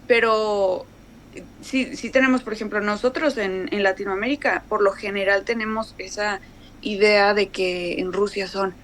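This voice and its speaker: A woman's voice: medium pitch, normal speed, a little hiss or hum. A woman from Mexico with a northern Mexican accent, chatting casually as a guest and telling stories full of fillers. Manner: chatty, animated storytelling with many fillers. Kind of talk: casual conversation.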